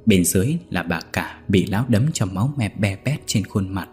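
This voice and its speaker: Low-voiced male storyteller. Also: animated, moderate pace, a little mellow, faint music behind. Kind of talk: scripted ghost-story narration.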